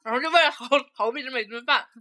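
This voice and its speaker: A young woman podcast host with a Northeastern Mandarin accent tells stories in a casual chat, blunt and profane and laughing often. Her voice is high, very fast, pushed, and bright.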